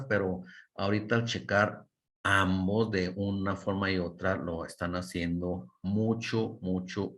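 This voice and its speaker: Man teaching English by video call. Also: deep voice. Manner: coaching, mixes Spanish and English, models intonation. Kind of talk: online class feedback.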